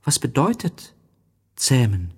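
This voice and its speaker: A man's voice: huge pitch swings, slow pace, slightly rough, heavily acted. A man voicing a small, curious boy prince in an audiobook reading, asking earnest questions in a raised, eager voice. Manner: eager, questioning, high-pitched.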